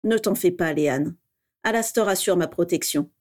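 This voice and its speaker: A woman's voice: lowish voice, normal speed, a little mellow, lightly acted. A woman voicing a bitter middle-aged male politician in a read-aloud story. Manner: bitter, rattled.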